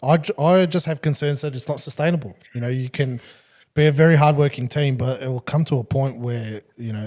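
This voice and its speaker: Man, Australian accent, football podcast co-host, casual chat, measured, mid pitch. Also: darkish tone. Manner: measured, laughs easily, hedging asides.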